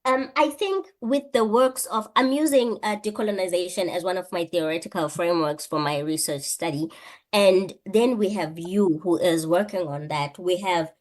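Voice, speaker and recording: A South African woman with a lowish voice speaks at normal speed as a guest who is a PhD candidate and lecturer. She answers an interview question earnestly, thinking aloud through rhetorical questions and frequent restarts.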